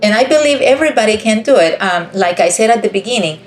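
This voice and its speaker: A middle-aged Costa Rican woman with a Costa Rican accent gives an earnest, encouraging personal testimony as a guest speaker on a video call. Her mid-range voice is expressive and quick, with soft music playing behind her.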